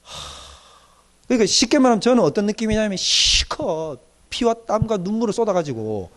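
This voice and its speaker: Animated middle-aged male pastor preaching. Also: sits high, a little fast. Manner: animated, acts out quoted young people in dialect. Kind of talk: sermon lecture on doctrine.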